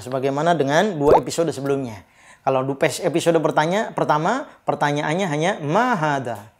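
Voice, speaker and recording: A man with an Indonesian accent teaching Arabic words on a children's TV program, speaking slowly and repeating himself with many small "ya" fillers. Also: a little high. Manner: repetitive, many filler "ya", drawn-out Arabic examples. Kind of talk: slow, patient TV lesson for children.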